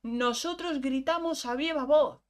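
A woman's voice: high voice, a little slow. A young woman, chatting casually and thinking aloud as she explains quiz answers. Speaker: vlogger.

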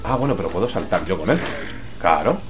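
Spanish guy from spain doing a let's play, slangy and animated, game music behind him. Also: deep voice, fairly quick. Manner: slangy, exclamatory. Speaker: gamer, let's play host. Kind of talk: casual let's play commentary.

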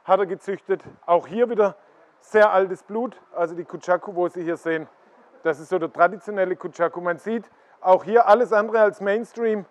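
A middle-aged man leads a walking tour through greenhouse koi ponds, pointing out fish and explaining their qualities. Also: high voice. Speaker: koi dealer giving a farm tour. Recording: slightly dull lo-fi sound.

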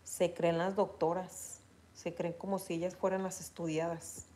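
A woman with a Mexican accent chatting casually with her viewers, retelling stories in an animated way and reading their comments aloud. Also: fairly low pitch, measured pace.

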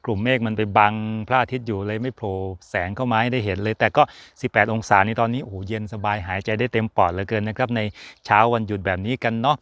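A man's voice: lowish voice, steady tone, quick pace, few pauses, fairly bright tone, no echo. A man hosting a casual chatty motorsport talk, joking and rambling with fillers as he talks to his viewers. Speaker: F1 channel host. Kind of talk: casual chat to camera.

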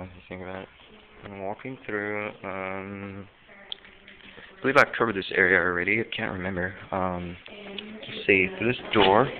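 A man casually narrating a walkthrough of a dark empty store, hesitant and full of ums, easily spooked. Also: low voice. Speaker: vlogger exploring an abandoned store. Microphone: handheld camera mic. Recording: tinny lo-fi camera audio with faint hiss.

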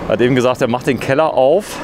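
Chatty vlogger at a demolition site. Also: male voice, medium pitch, fast. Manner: chatty, curious, interviewing. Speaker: video host. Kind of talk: vlog commentary. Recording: outdoor noise with traffic.

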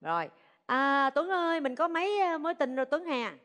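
A woman with a Southern Vietnamese accent hosting a dating show, teasing and expressive in her banter. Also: high-pitched, a little fast. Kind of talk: lively matchmaking banter. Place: TV studio stage with audience. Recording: reverberant studio hall, faint noise.

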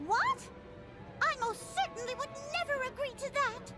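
A woman's voice: extremely high pitch, animated, moderate pace, pushed and bright, faint music behind, heavily acted. An actress voicing a proud young mouse queen who speaks in a prim, dignified way in a game. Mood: regal.

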